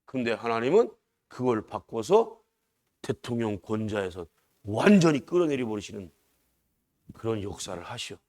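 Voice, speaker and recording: A man's voice: mid-range voice, sing-song, moderate pace, pauses often, a little mellow. A male pastor preaching at an early-morning service, emphatic and rising and falling, often calling out to the congregation for a response. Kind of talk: dawn service sermon.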